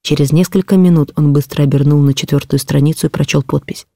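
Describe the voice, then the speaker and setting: Female audiobook narrator for classic prose, warm dark timbre, measured delivery. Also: low-pitched, steady tone, vocal fry, no echo, studio quality. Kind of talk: literary audiobook reading.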